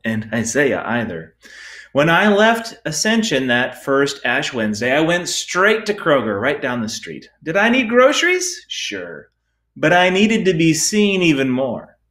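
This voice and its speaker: A man preaching a sermon, telling stories about himself with gentle self-deprecation and asking rhetorical questions. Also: mid-range voice.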